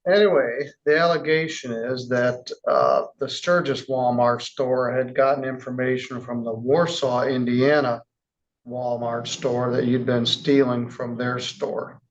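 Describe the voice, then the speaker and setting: A man presiding as a judge in a courtroom, reading charges in a measured, formal way with casual asides. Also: mid-range voice, steady tone, dull audio. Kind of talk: courtroom proceedings.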